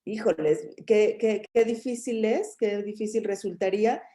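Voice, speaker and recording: A woman with a warm, mellow voice, speaking as a family court official on a video call. She hunts for her words, restarting her phrases again and again. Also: mid-range voice, normal speed. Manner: hesitant, searching for words with many restarts. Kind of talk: panel discussion over video call.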